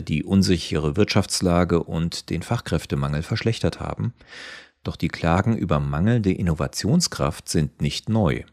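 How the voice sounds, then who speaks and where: Deep-voiced man reading an essay. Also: dry recording, clean studio sound. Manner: even, measured reading. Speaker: article reader. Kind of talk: scripted narration of an essay.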